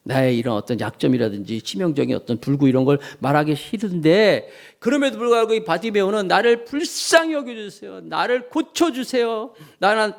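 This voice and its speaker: A middle-aged senior pastor delivers his Sunday sermon in a fairly high, creaky voice. He animates the message by acting out cries and quotes, and he turns to the congregation with questions.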